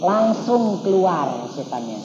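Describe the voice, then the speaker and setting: A man preaches, telling the story with vivid sound effects in a high, swooping voice. His voice rings through a reverberant church hall. The recording is dull and lo-fi, with a clear layer of background noise. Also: sing-song, takes it slowly. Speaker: evangelist preacher. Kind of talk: storytelling sermon.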